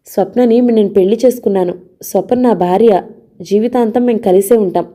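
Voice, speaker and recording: A woman's voice: mid-range voice, brisk, warm tone, close to an everyday voice. A woman voicing a young husband who firmly defends his marriage against his family in an audio novel. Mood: defiant. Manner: firm, defiant.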